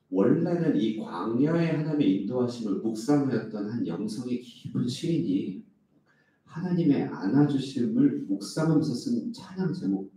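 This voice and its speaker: Man preaching a sermon in a church, asks the crowd questions, deep warm tone, lots of hall echo. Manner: poses rhetorical questions to the congregation; acts out quoted complaints in a raised voice. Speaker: pastor. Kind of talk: early-morning prayer sermon. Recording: echoey hall, speaker far from the mic.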